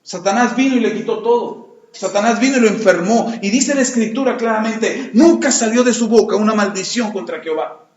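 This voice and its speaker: High-voiced pastor preaching in an echoey room. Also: male voice, fairly quick. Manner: acts out quoted complaints in lively voices. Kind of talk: sermon. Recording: echoey, muffled lo-fi room recording.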